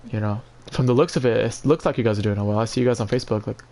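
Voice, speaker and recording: A man venting casually on a livestream in an emotionally drained, halting, repetitive and profane way. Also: lowish voice, warm tone. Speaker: live streamer.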